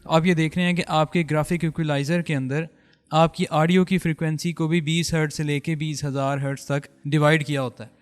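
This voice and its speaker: Man teaching audio mixing, smooth clear voice. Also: on the high side, flat delivery, long reverb tail. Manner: patient, explaining and demonstrating while adjusting a mixer. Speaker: audio tutorial host. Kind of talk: step-by-step spoken tutorial. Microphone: studio microphone through a mixer.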